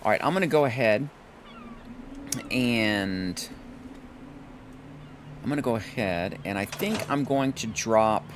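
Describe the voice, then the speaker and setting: A hoarse man casually commenting on his gameplay as a let's play host, thinking aloud and correcting himself. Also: lowish voice, lively intonation, slow pace, pauses often, background noise.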